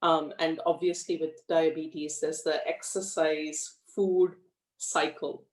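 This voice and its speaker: A middle-aged woman talks frankly and in a measured way, with plenty of fillers. Her voice sits fairly low for a woman. She is recorded a way off the mic in an echoey room. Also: level tone, distant mic. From India, raised in Australia. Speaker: guest. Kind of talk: conversational interview.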